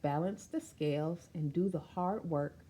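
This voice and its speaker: A storytime reader with a low, mellow voice reads a children's picture book at a measured pace, expressively addressing young listeners directly with chatty asides.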